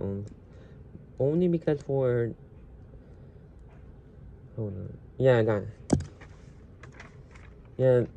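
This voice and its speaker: A man giving a casual, unscripted toy review, rambling with many fillers and restarts and getting loud at times. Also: mid-range voice, muffled recording. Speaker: Lego reviewer. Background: faint household noise.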